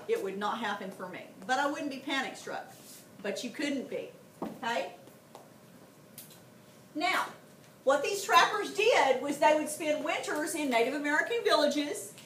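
A middle-aged woman, teaching a classroom history lesson and telling stories, often checking in with the students. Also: high-pitched. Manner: animated storytelling, frequent "okay?" check-ins with students. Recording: roomy, from a distance, faint background noise.

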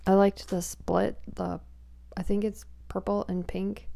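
A woman chatting softly for ASMR on a small close microphone, rambling, whispery and giggly. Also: mid-range voice, little pitch movement, a little slow, vocal fry. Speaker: ASMR creator. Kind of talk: soft-spoken ASMR chatting.

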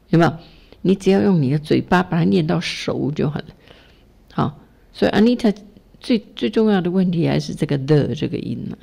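A woman's voice: fairly low pitch, gravelly, mellow. A middle-aged woman from Taiwan teaching a class, chatty and encouraging, full of fillers as she models pronunciation for her students. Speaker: English teacher leading a Buddhist study class. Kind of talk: casual classroom coaching.

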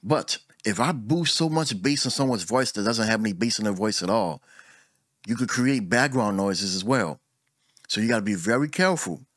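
With a fairly low voice at a moderate pace, a middle-aged channel host who works as an audio engineer discusses recording vocals casually to camera. He's in a small room at home on a desk mic mounted on a boom arm, relaxed, using his hands as he talks and repeating words along the way.

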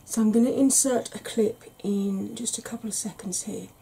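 A makeup vlogger in her forties walks through an ASMR makeup tutorial at home in a small room, her voice a little high, soft and breathy, often sinking to a whisper. She explains everything slowly, gently and patiently.

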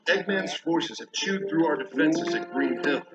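Blunt echidna leader. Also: male voice, a little high, a little slow, vocal fry, lo-fi sound. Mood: commanding. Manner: commanding, blunt, wisecracking. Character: Knuckles, a gruff, blunt echidna resistance leader. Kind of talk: video game cutscene dialogue. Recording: game audio from a distance, with music.

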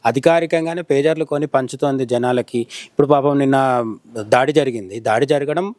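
Interviewed as a commentator, a journalist from India analyzes the news conversationally, explaining points and regularly putting them another way. He has a medium-pitched, slightly mellow voice at a normal speed, recorded with no echo.

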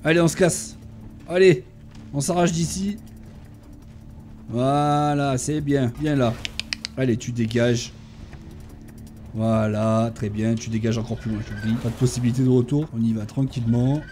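A man giving casual gameplay commentary, talking to his tamed animals and bursting into excited shouts during fights. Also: medium pitch, moderate pace, pauses often, faint music behind. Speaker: gaming YouTuber.

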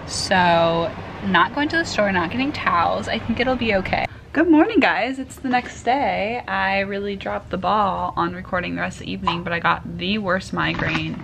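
A woman's voice: on the low side, normal speed, vocal fry, fairly bright tone. A young woman talking casually and cheerfully into a handheld camera while traveling, with lots of fillers. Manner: chatty, upbeat, filler-heavy. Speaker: vlogger. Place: car and outdoors, on the move. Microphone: handheld camera or phone. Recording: noisy handheld recording, car noise.

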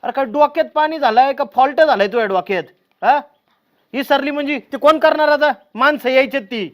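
A man's voice: extremely high pitch, brisk, no echo. A man playing a bossy, nagging village husband. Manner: nagging, barking orders, repeats words. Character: bossy scolding village husband, middle-aged. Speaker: actor. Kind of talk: village short-film acting.

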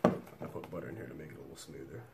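A man's voice: very deep voice, fairly even intonation, rapid-fire, creaky. Swearing, chatty man in a noisy room. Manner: loose and chatty, swears casually. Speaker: cooking vlog host. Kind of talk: casual cooking demonstration. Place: small room, indoors, at a desk.

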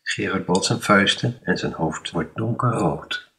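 A man with a fairly low voice reads a children's story aloud. His reading is lively and expressive. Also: unhurried, far from the mic.

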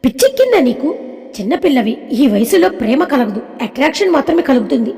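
A stern, protective husband and father, read by a woman narrator, scolding firmly. The voice stays high and soft-toned, with a long reverb behind it. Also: very animated, quick pace. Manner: scolding, firm.

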